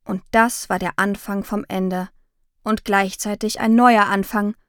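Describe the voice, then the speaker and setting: Calm woman narrating a children's audiobook. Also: medium pitch, measured pace, no room sound, clean studio sound. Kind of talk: scripted first-person narration for children.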